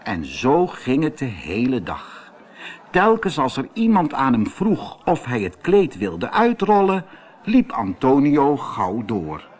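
Kalme mannelijke voorlezer, traag. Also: male voice, mid-range voice, huge pitch swings, slow, darkish tone, breathy edge. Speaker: narrator. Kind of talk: storybook reading.

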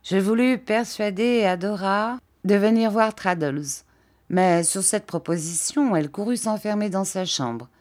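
A woman narrating a classic novel as an audiobook reader, in a measured, steady storytelling voice. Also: mid-range voice.

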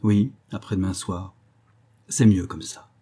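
A man voicing a resigned, self-loathing man in an audiobook, in a flat, defeated tone. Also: deep voice, measured pace, breathy edge. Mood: weary.

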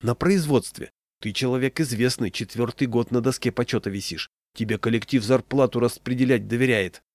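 A man voicing an idealistic, hot-tempered father who shouts indignantly, recorded dry and close. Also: mid-range voice, brisk, no room sound, lightly acted.

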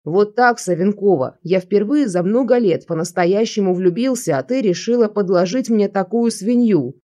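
A drunk, bitter young man slurs and shouts down the phone, as a woman reading the story puts him on. His voice has a mellow, dark tone. He sounds like a figure in an audiobook. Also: medium pitch, normal speed, natural voice. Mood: bitter mocking.

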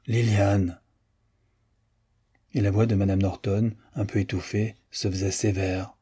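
A male audiobook narrator reading a novel in a measured, literary way. His voice is fairly low and dark, with a husky grain. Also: flat delivery. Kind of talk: scripted narration.

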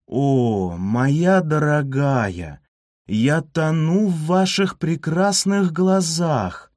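A man's voice: on the high side, very slow, a little mellow, dry recording, studio quality. A man voicing a courtly old-fashioned ghost. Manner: gallant, flowery old-fashioned speech.

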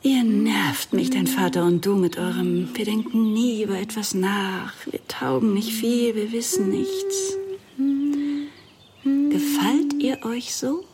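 In a radio drama, an actress plays a self-assured, critical middle-aged woman who sounds exasperated, controlled and superior. Her breathy, slightly husky voice is medium-pitched and slow, with heavy background noise.

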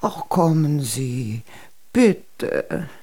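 A woman's voice: sits low, big pitch swings, drawn-out words, a little mellow, breathy edge, dry recording, exaggerated voice. An actress playing a languid, lustful, bossy queen in a radio play, with a sultry drawl. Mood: pleading.

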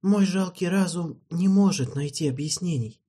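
Man doing a sharp-tongued princess. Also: moderate pace, husky. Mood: ironic. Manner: arch, ironic, raised pitch. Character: sharp-tongued young princess, witty and defiant.

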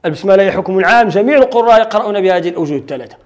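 A man's voice: sits high, expressive, racing. A man with a Moroccan accent teaching Quran recitation rules in a classroom lecture, explaining step by step and answering his own questions.

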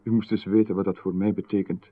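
In a 1990s radio drama, an actor with a deep, level voice plays a pushy, overly familiar male stranger, speaking quickly and sounding insistent and ingratiating with stammered restarts and small chuckles. The audio is lo-fi radio broadcast in a phone-like band.

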